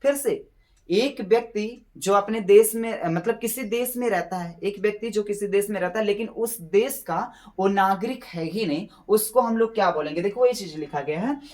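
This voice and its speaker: A male English teacher walks students through exam vocabulary, mixing Hindi explanation with English terms. He stretches each English phrase out slowly, repeats key words several times, and keeps pausing to ask if everyone is following. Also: sits high, a little mellow. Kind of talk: classroom lesson to exam students.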